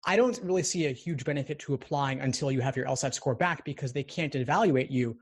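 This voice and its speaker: A man acting as an admissions coach, giving calm, direct advice. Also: mid-range voice, fast.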